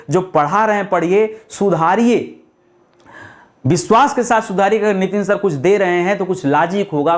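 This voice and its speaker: A young man teaching a Hindi spelling lesson, repeating words slowly, putting questions to his students and adding joking asides. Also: high voice. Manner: jokey asides with light laughs.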